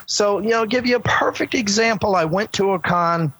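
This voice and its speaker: A man's voice: high-pitched, a little fast, fairly bright tone, slightly rough, rough recording. A man organizing a convention, talking eagerly in a casual interview, rambling with restarts.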